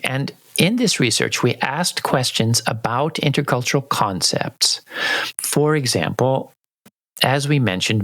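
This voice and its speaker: A man hosts a podcast conversation, his voice at a middle pitch. He explains ideas calmly and steadily. The recording is dry and close, with no room sound. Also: no room sound. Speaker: podcast host.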